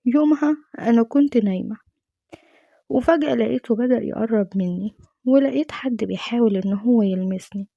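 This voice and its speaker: A woman's voice: on the high side, a little fast, gravelly, dark tone, no room sound, lo-fi sound. A woman with an Egyptian accent telling a dramatic first-person story in an earnest, emotional way.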